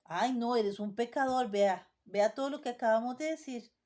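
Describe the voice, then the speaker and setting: A condemning satanic accuser, scornful and taunting, as a woman preacher puts it on. the tone is mellow and dark, and each reproach is pressed home. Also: a little high, moderate pace, natural voice. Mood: accusing. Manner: scolding, taunting.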